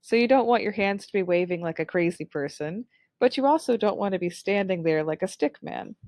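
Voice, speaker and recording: A young adult woman giving an online lesson on public speaking, with a clear, upbeat instructional delivery. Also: mid-range voice, animated, a little fast, a little mellow, no echo.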